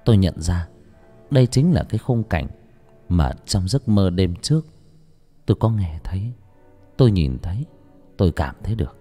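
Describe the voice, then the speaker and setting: A man tells a horror story in dramatic, expressive audiobook narration. His low voice rises and falls a great deal. Faint music plays beneath him. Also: normal speed, pauses often.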